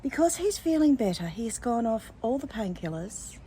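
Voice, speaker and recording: A vlogger, an older woman with an Australian accent, chats at normal speed in a warm, sing-song voice on the high side. She's effusive and casual, calling her viewers darlings, with slight background noise behind her.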